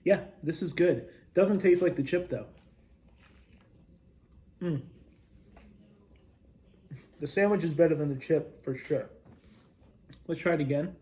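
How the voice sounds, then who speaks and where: A man reviewing snacks as a video host, talking casually and chattily with pauses to taste and thoughtful hums. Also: fairly high pitch, dark tone.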